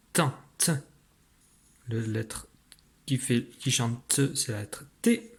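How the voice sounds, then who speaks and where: A male teacher gives a recorded spelling dictation in a medium-pitched voice, patiently and clearly articulating each sound slowly.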